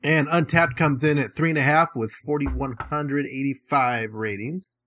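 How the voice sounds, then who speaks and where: A man's voice: mid-range voice, moderate pace, pushed and bright, slight background noise. A man co-hosting a beer podcast, chatting casually and rambling with restarts and fillers. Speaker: podcast co-host. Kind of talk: casual chat.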